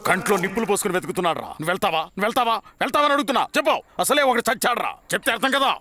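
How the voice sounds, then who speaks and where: Gruff, threatening tough. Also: male voice, high-pitched, lively intonation, racing. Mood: angry. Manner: gruff, scolding. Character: rough, threatening man. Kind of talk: dubbed film acting. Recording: film soundtrack with loud music.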